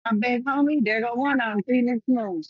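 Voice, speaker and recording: A woman in a live audio chat, talking in a friendly way and giving out shout-outs. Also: on the high side, normal speed, slightly rough, dry recording. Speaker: chat participant. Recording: muffled dry lo-fi online mic.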